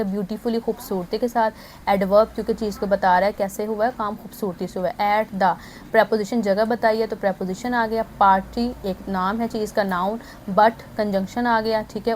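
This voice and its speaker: A woman, a teacher who explains a grammar lesson in a brisk, step-by-step way. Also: medium pitch, a little mellow, a little hiss or hum. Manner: brisk and explanatory, labels each word step by step. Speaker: English teacher.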